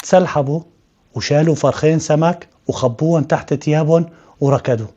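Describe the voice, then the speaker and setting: A man's voice: on the high side, a little fast, dark tone. A man with a Syrian accent narrating a true story in colloquial speech, talking straight to his listeners. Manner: addresses listeners directly, colloquial. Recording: slightly dull lo-fi sound.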